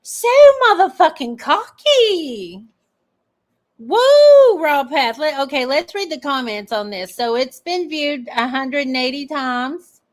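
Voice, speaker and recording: A woman's voice: high voice, normal speed, hardly any pauses, fairly bright tone. A woman giving casual, sarcastic reaction commentary full of swearing, reading comments aloud as she goes. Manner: profane and sarcastic. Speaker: online commentator.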